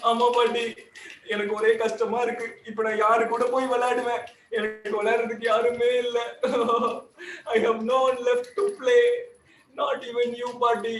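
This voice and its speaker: A man voicing a sad young male clown puppet who whines and sulks in fast Tamil chatter. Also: very high voice, fairly even intonation, a bit bright, reverberant, recorded from a distance, full character voice, rough recording. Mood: whiny. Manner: whiny, sulky, rapid Tamil chatter. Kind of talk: puppet show.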